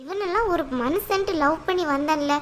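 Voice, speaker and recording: A woman doing a shrill, fiery young wife. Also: normal speed, slight background noise. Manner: complaining, sharp-tongued. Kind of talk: cartoon voice acting.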